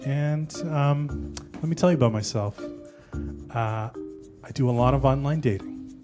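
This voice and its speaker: A stand-up comedian in his forties talks in a loose, chatty way, moving between interview answers and bits from his set. His voice is mid-pitched for a man, and he often ends a thought with "right?". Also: measured pace, music in the background. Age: 40s. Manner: chatty, tags lines with "right?".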